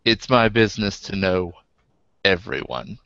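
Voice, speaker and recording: A man voicing a smooth, secretive male information broker who speaks in an unhurried, knowing way. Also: sits low, lively intonation, bright, forceful tone, dry recording, highs cut off, full character voice.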